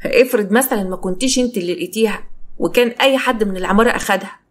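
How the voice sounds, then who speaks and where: A supportive Egyptian woman friend speaks quickly and practically, read by a woman narrator. She keeps asking what to do next. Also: medium pitch, natural voice. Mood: concerned. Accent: Egyptian Arabic.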